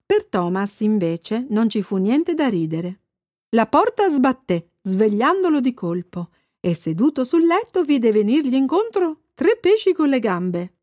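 Storybook narrator: woman, brightish higher voice, expressive, dry close sound. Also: measured pace, no echo. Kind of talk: storybook reading.

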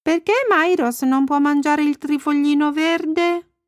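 A woman voicing a small eager girl in a storybook reading, high and excited. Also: measured pace, no room sound, clean studio sound.

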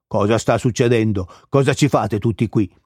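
A man's voice: a little high, expressive, fairly quick, dry recording, studio quality, pitched above the performer's own voice, natural voice. A man doing a grumbling stern forest creature. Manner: grumbling, very serious.

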